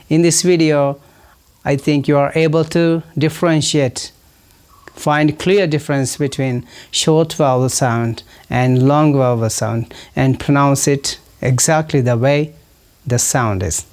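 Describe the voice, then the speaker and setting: Slow, careful teacher. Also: mid-range voice, darkish tone, low-quality recording. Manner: slow, careful, repeats each word. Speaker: English pronunciation teacher. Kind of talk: pronunciation lesson with example sentences.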